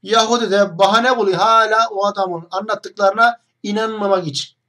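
A man's voice: sits high, steady tone, moderate pace, bright, forceful tone. A young man hosting an online video, talking straight to the camera in a mocking, combative monologue full of rhetorical questions.

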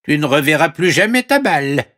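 A man's voice: a little high, sing-song, a little fast, bright, forceful tone, pitched above the performer's own voice. A man voicing a small warty green frog, polite but insistent, in a storybook reading. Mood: calm.

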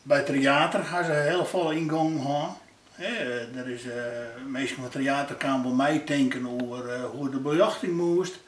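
An older man with a Frisian accent, reminiscing in an interview about his theater company, halting often with filler pauses. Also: mid-range voice, a little hiss or hum. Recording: roomy sound, mic at a distance.

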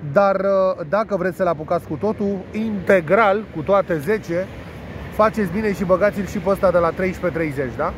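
A man's voice: sits high, a little hiss or hum. A man with a cold, talking through a blocked nose, giving sports betting tips in a rambling, crude, playful monologue. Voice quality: nasal. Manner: rambling, crude, playful, with word games and swearing. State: congested with a cold.

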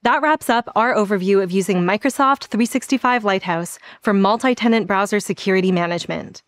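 A woman in her thirties presenting a scripted software tutorial with a polished, even delivery, standing on an indoor studio set. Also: medium pitch, fairly quick, no echo. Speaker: product presenter.

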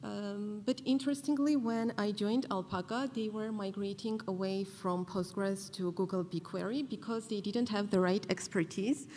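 A woman's voice: medium pitch, fairly even intonation, darkish tone, in a large hall, slight background noise. Woman from Armenia giving a conference talk. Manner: earnest, with frequent fillers and pauses. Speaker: conference speaker. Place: large conference hall, at a podium.

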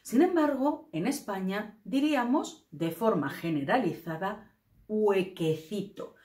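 Woman, Spain accent, Spanish teacher, slow careful delivery, roomy echoey recording. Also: medium pitch, animated, a little mellow. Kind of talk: explanatory grammar lesson.

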